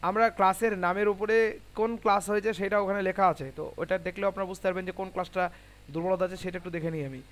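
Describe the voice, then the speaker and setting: A man teaching Quran recitation in an online class, spelling out syllables slowly and asking students questions. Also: sits high, flat delivery. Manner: patient, asks students questions.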